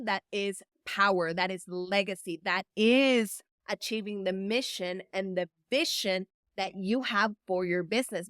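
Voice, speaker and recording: Speaking directly to the camera, a Salvadoran woman whose first language is Spanish works as an event producer and delivers a heartfelt, motivating message, drawing out words to stress them. Her mid-range voice is bright, forceful, clear, and resonant. The studio sound is clean, with no echo.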